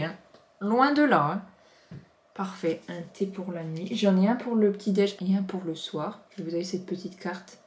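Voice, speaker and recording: A woman's voice: medium pitch, a little mellow. A woman in her thirties chatting casually as she unboxes parcels, gushing with many exclamations. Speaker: vlogger. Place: home office. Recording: roomy echo.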